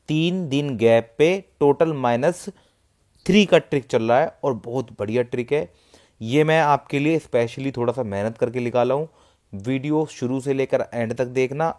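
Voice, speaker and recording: A man's voice: mid-range voice, darkish tone. A man talking casually to viewers and walking through a number chart step by step, repeating himself often. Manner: chatty, repetitive, walks through a chart step by step. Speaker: matka chart tipster. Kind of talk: casual explainer talk to viewers.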